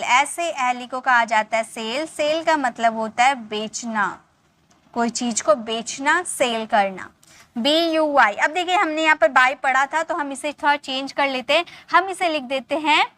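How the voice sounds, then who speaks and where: A woman teaching English words, spelling each one out and repeating it slowly for learners. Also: high voice, sharp tone. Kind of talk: spelling and pronunciation lesson.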